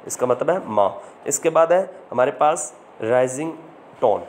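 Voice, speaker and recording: Male voice-over teacher, mid-pitched, quizzes himself and repeats key words. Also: lively intonation, measured pace, a little mellow, a little hiss or hum. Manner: asks himself questions and repeats answers. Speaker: language teacher. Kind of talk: online lesson narration.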